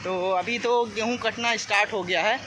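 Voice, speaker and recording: This vlogger, a man from Gorakhpur, India, has a high voice with fairly even intonation and talks at a normal speed. He chats casually with viewers in an eastern Uttar Pradesh accent, explaining repetitively and peppering his talk with check-in tags. Ambience and clear noise run through the amateur vlog audio.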